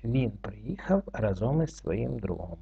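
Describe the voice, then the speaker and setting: A man teaching French reading, going through it slowly word by word and spelling out letters and rules. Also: on the low side, sing-song, creaky, dark tone, husky. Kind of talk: slow word-by-word reading lesson. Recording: dull lo-fi recording.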